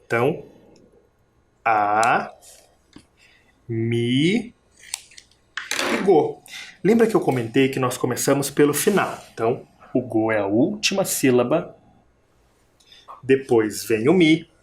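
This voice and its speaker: An expressive, mid-range voice with a darkish tone and normal speed leads a recorded video lesson for young pupils. The teacher patiently stretches out words, breaks them into syllables, and questions the class.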